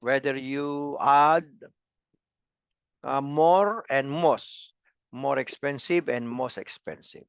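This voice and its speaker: A man's voice: mid-range voice, slow pace, gravelly, long pauses, clean tone, no echo, muffled recording. A man teaching English grammar in a lecture, repeating words and syllables and asking students to say them again. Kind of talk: slow classroom lecture.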